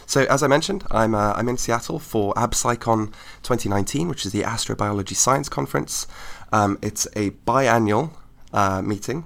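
A man with a croaky voice, hoarse from lots of talking, co-hosting a casual podcast chat. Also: on the low side, a bit bright. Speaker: podcast co-host, astrobiologist.

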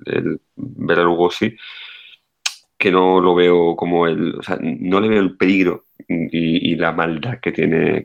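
Through dull audio comes a man's low-pitched, gravelly voice as he co-hosts a podcast. Speaking casually, he gives blunt, opinionated takes on a film and often restarts.

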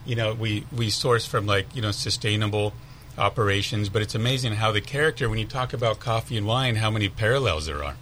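Man guesting on radio, bright clear tone, relaxed and halting, faint noise behind. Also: fairly low pitch. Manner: relaxed, searching for words. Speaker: winemaker guest. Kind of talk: radio interview.

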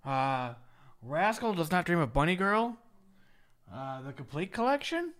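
Male podcast host, casual and rambling, lively up-and-down pitch. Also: measured pace. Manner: rambling, trailing off with fillers. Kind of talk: casual chat.

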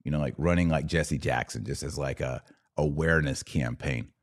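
With a bass voice and a moderate pace, this American man hosts live commentary on religion and politics. He's a podcast host and religious commentator whose delivery is emphatic and preachy while staying conversational.

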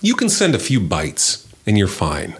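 A man's voice: on the low side, huge pitch swings, measured pace. A man co-hosting a casual tech podcast, eagerly explaining gadgets with frequent ums and restarts. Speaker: podcast co-host.

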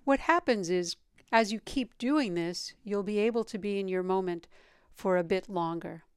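A woman leading a guided meditation as a teacher, speaking in a calm, meditative tone with a smooth, clear voice. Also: mid-range voice, normal speed, no echo, clean studio sound.

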